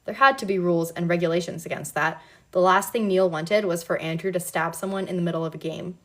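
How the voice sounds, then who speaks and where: A woman reading a novel aloud in a relaxed, casual way, now and then breaking off to comment. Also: on the low side, fast. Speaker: reader.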